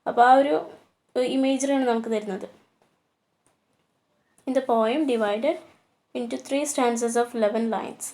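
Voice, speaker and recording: A woman teacher lecturing on a poem, slowing to a deliberate pace on the English lines and pausing on fillers as she explains. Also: a little high, a little mellow. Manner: switches to slow, deliberate reading for English lines; hesitant, with many fillers. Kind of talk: poetry lecture.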